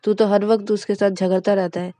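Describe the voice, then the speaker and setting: A woman's voice: mid-range voice, flat delivery, brisk, warm tone, no room sound, natural voice. Bossy young woman, done by a lady narrator, pushy advice, dry close sound. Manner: insistent, giving orders.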